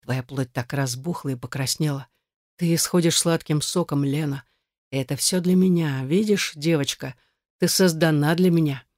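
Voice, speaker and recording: A man voicing a possessive, domineering male captor in a low, hushed, commanding way while reading an erotic audiobook. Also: normal speed, no echo, studio quality, close to an everyday voice.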